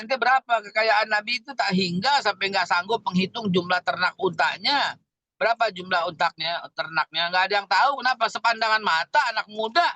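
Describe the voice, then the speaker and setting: A man preaching in an animated, slangy way with speech, firing off rhetorical questions. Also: high voice, dry recording. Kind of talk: sermon.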